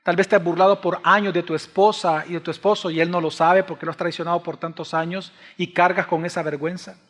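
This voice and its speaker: A Salvadoran man preaching a passionate sermon as pastor, swinging between loud exclaims and hushed pleas. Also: high-pitched, little pitch movement, quick pace. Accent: Salvadoran Spanish. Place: church sanctuary. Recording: long church reverb.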